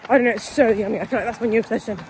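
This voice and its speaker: A woman's voice: on the high side, fairly even intonation, racing, darkish tone, a little hiss or hum, low-quality recording. Chatty woman vlogging. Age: 30s. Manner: chatty, swears freely, laughs often. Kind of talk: casual vlog talk to camera.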